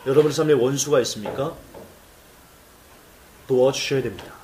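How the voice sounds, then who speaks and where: A male pastor preaching a sermon in church, emphatic and animated, telling stories and acting out cries. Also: medium pitch, normal speed, echoey room, recorded from a distance, a little hiss or hum.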